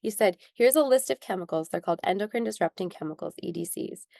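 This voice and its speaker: A woman's voice: mid-range voice, expressive, fast talker, gravelly, warm tone, dry recording. A young adult woman telling a personal story in an interview, earnest and at times close to tears. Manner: earnest, tearful at moments, many ums. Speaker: skincare founder, interview guest.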